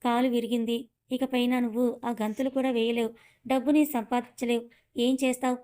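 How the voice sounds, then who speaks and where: A woman's voice: a little high, level tone, brisk, dark tone, lightly acted. A woman voicing a mean, scornful older woman who mocks and scolds. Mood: mocking. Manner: mocking, scolding.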